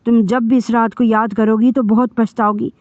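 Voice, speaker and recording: A woman's voice: fairly high pitch, flat delivery, no room sound, natural voice. Woman voicing a furious cold-hearted husband. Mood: menacing. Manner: shouting, bitter threats. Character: furious vengeful young husband, harsh and cold. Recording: dull dry lo-fi recording.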